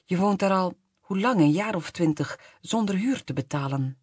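A reader voicing a sharp-tongued, bitter grown woman in an audiobook, in a husky voice. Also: medium pitch, animated, normal speed, no room sound, clean studio sound, pitched above the performer's own voice. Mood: snapping. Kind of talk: audiobook reading.

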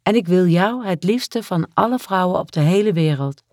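A woman voicing a tender, self-mocking grown man who speaks softly and earnestly in an audiobook. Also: on the low side, expressive, normal speed, no room sound, clean studio sound. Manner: soft and earnest. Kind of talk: audiobook character voice.

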